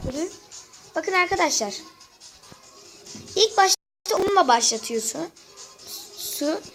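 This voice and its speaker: A woman with a very high voice and a sore throat talks her viewers through a game in a loose, chatty way. She keeps turning to the audience as friends while she plays, and faint game music sits in the background. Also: animated, unhurried, low-quality recording. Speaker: gaming channel host. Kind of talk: casual gameplay walkthrough.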